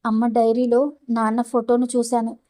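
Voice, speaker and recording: A woman's voice: a little high, level tone, moderate pace, mellow, lightly acted. A woman storyteller voicing an innocent, affectionate little girl. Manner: innocent, sweet.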